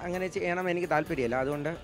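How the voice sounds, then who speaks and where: Faint music plays behind a teen mimicry artist from Kerala, India, being interviewed. His voice is fairly high, a bit blocked, and very fast, and he answers hesitantly, full of fillers and restarts.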